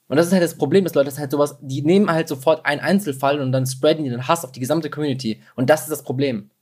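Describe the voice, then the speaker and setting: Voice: medium pitch, fast talker, darkish tone, slightly rough. A guest in a casual chat, speaking emphatically and with passion. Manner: emphatic, impassioned.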